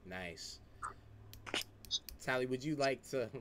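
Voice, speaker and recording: A man's voice: medium pitch, lively intonation, slow pace, fairly bright tone, a little hiss or hum. A young man hosting an online blind date game, talking loose and slangy into a headset. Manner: loose slangy talk, easygoing, organizing the call. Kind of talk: casual streamed chat on a group video call. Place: indoor room, streaming setup.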